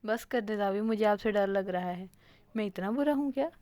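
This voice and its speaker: A woman's voice: medium pitch, normal speed, mellow, no echo, natural voice. A woman reading a shy young woman. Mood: shy, flustered.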